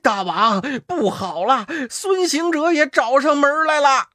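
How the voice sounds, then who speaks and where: A storyteller voicing a cunning little demon vanguard who talks quickly and schemes. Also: medium pitch, very animated, fairly bright tone, breathy edge, no echo, studio quality, heavily acted. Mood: alarmed. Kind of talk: storybook character voice.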